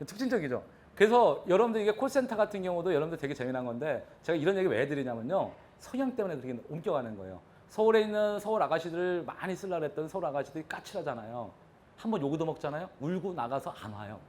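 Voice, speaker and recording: Fast, animated male lecturer. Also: fairly high pitch, a little hiss or hum. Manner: animated, poses questions to the audience. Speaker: real estate lecturer. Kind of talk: live classroom lecture.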